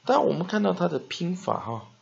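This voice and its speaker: A man teaching spelling and pronunciation, dotting his speech with "ah" and "ha" and slowly drawing out words to model them. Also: sits high, sing-song, gravelly, a little mellow, slightly rough. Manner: frequent "ah" and "ha" fillers, slow drawn-out modeling of words. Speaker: English teacher. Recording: dull lo-fi recording.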